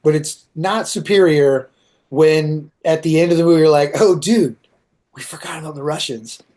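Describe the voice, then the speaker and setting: A man's voice: a little high, moderate pace, darkish tone. A man hosting a casual podcast chat, sarcastic and profane, slipping into mocking impressions.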